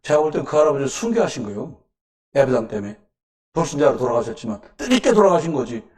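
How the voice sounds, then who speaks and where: A man preaching a sermon at a Wednesday church service, firing off rhetorical questions and breaking into sudden loud emphasis. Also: medium pitch, sing-song, fast talker, distant mic. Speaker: pastor. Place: church sanctuary.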